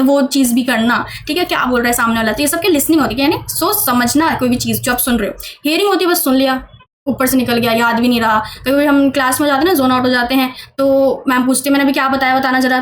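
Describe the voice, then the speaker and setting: A woman's voice: high-pitched, slight background noise. A woman teaching an exam-prep lesson in a casual, chatty way, often checking in with the listener and asking questions. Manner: chatty, repeats "theek hai" often, asks the viewer questions.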